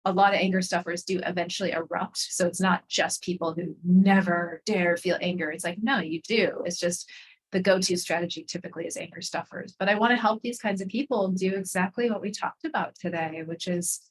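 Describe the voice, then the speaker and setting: A woman with a fairly low voice talks as a podcast guest. She explains her ideas in a reflective, earnest way, with a gentle enthusiasm. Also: steady tone, brisk, poor audio. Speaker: guest, anger coach. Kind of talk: conversational interview.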